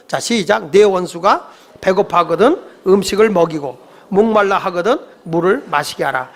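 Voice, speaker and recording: A man preaching a sermon from the pulpit, his voice sitting high for a man. He preaches in a lively way, calls on the congregation to read scripture along with him, and slips into little character voices to act out quarrels. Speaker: pastor.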